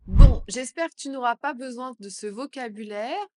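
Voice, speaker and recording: A woman teaching a French lesson, saying each phrase brightly and then repeating it slowly and clearly for learners. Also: on the high side.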